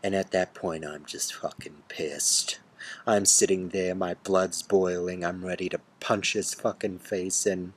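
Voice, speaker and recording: Husky man on a seething rant. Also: sits low, steady tone, a little slow. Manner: bitter, swearing, swings between hushed seething and loud outbursts. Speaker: storyteller ranting to camera. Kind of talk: angry first-person rant.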